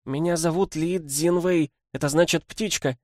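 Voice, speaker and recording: A man voicing a fierce, desperate young village girl in a storybook reading, speaking high and urgently. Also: steady tone, normal speed, a little mellow, no room sound, clean studio sound, close to an everyday voice. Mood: wary.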